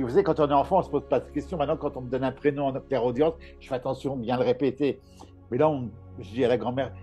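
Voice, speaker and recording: Chatty man with a dark, mellow voice. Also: medium pitch. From Paris. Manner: chatty storyteller, laughs often, many restarts. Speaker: medium and author, interview guest. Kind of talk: casual conversational interview.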